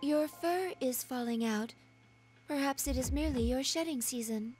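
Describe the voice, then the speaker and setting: A woman's voice: high-pitched, close to an everyday voice. A woman voicing a formal, earnest female android. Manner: formal, measured, slightly flat. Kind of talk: video game voice acting. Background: game music.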